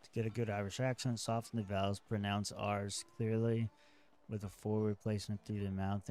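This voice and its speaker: A game streamer, a man, reading notes aloud and thinking out loud in casual commentary. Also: fairly low pitch, clean tone.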